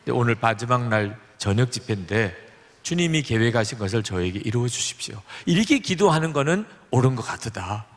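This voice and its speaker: Animated and fairly quick, a middle-aged pastor delivers a sermon built around a story, performing the characters' lines with changes in pitch. The large church hall gives the recording a long reverb.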